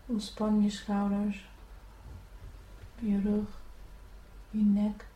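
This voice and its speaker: A woman leading a guided spiritual meditation, giving gentle, soothing instructions to breathe and relax. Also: medium pitch, monotone, extremely slow, highs cut off. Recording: echoey room, from a distance.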